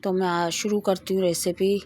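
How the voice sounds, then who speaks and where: A woman's voice: medium pitch, flat delivery, normal speed, darkish tone, no echo. A middle-aged woman hosting a home cooking video, chatting as she demonstrates a recipe and tells a moral story along the way. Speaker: cooking channel host.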